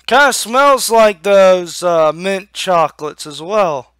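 A young man giving a casual, halting review to camera on a headset mic, talking with a lip full of dip. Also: high-pitched, lively intonation, a bit bright, clear, resonant tone, no room sound, clean studio sound. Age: young adult. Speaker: amateur product reviewer. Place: small room at home. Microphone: headset microphone.

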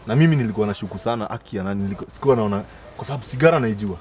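Kenyan male guest, rapid-fire casual testimony in mixed Swahili and English, noisy open-air recording. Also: fairly low pitch, darkish tone. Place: outdoor garden. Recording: clearly noisy outdoor ambience.

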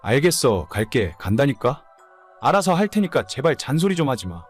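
A man's voice: mid-range voice, very animated, normal speed, soft background music. A man playing an immature, whining, hungover husband in his late thirties in a dramatized story. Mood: defensive. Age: late 30s. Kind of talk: dramatized audio story dialogue.

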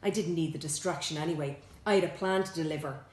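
Woman author reading her own story at home; low voice, roomy echo, animated delivery. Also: quick pace. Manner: lively, swoops high for quoted characters. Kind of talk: expressive reading aloud with character voices.

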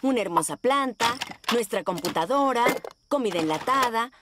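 A woman voicing a gentle, practical mother pig in a children's cartoon. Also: on the high side, expressive, moderate pace, heavy background noise, lightly acted. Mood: content.

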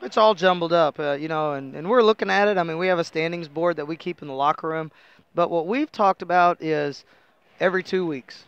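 At a sports arena's indoor interview table, a middle-aged American basketball coach talks after the game through a headset mic, conversational and explanatory, with plenty of "you know." His voice is on the high side, fairly quick, a bit bright and smooth, recorded without echo but muffled.

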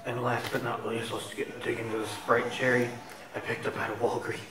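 A man's voice: mid-range voice, level tone, brisk, reverberant, recorded from a distance. A man doing a parody food review, talking muffled through a face mask with mock-melodramatic complaints. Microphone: head-mounted camera.

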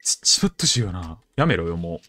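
A young man with a Kansai accent commenting on a horror game as he plays, chatty and jokey, with sudden loud outbursts. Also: low-pitched, sing-song, fairly quick, slight background noise. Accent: Kansai Japanese. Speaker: game streamer.

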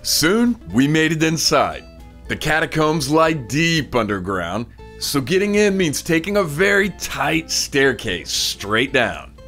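A man's voice: on the high side, sing-song, takes it slowly. Man narrating a travel vlog. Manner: informative, tour-guide delivery. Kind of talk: scripted travel narration voice-over. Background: soft music bed.

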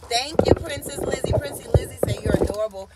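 Over loud music, a woman in her forties livestreams from a parked car, holding her phone camera at arm's length. Her high, expressive voice moves fast as she chats, teases, and greets viewers by name.

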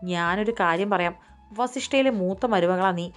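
A woman's voice: lowish voice, moderate pace, smooth, close to an everyday voice. A woman voicing a stern, dignified older matriarch who speaks firmly and gives orders, with faint music behind. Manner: firm, commanding.

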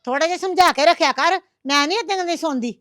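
A woman's voice: very high voice, fast, dry recording, studio quality. A woman playing a harsh mother-in-law who nags and taunts. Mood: scolding. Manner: sharp, nagging, taunting.

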